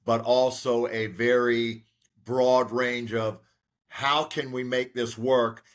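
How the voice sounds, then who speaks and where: A real estate broker from the United States, in his sixties, tells his life story as an interview guest. His medium-pitched voice is steady and reflective, taking its time, with frequent fillers.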